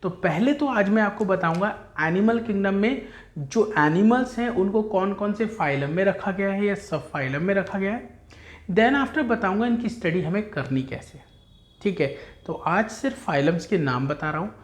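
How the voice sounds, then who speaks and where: A man's voice: high-pitched, lively intonation. Man teaching in an echoey room. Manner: drills terms by slow repetition, addresses students as beta. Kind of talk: classroom lecture.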